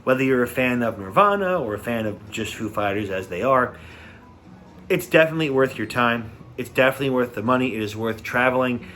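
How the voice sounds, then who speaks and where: A man's voice: medium pitch, lively intonation, brisk, a bit bright, a little hiss or hum. A man giving a casual, enthusiastic concert review, gushing and repeating words as he talks.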